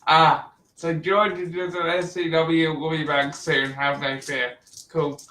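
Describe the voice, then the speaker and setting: A man hosting a casual wrestling chat, relaxed and chatty, laughing often. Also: a little high, unhurried. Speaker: podcast host. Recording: roomy echo, distant mic.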